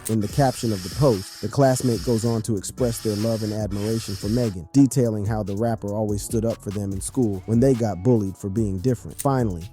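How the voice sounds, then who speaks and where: A man with a fairly low voice delivers scripted narration in an even, measured read. His tone is very dark and mellow, and soft music plays faintly underneath. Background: faint background music.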